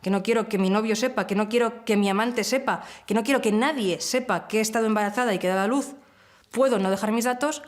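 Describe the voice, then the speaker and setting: A woman in a documentary interview, explaining carefully and stressing key words. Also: mid-range voice.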